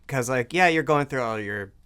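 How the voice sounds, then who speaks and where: Smooth-voiced man in his thirties. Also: medium pitch, expressive, normal speed, a bit bright. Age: 30s. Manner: joking interjections, reflective when telling his side. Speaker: co-host of a couple's channel. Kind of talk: casual storytelling chat.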